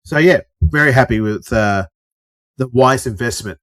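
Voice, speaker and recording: A man's voice: medium pitch, moderate pace, a bit bright. A middle-aged Australian man co-hosting a casual podcast chat, telling stories, acting out other people's lines and swearing casually. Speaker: podcast co-host.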